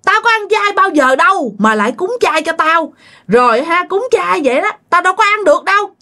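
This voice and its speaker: A woman's voice: very high-pitched, sing-song, fairly quick, bright, forceful tone, pitched above the performer's own voice, exaggerated voice. A woman voicing the angry ghost of a dead husband speaking through a possessed neighbor, scolding. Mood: furious. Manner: scolding, ranting, demanding.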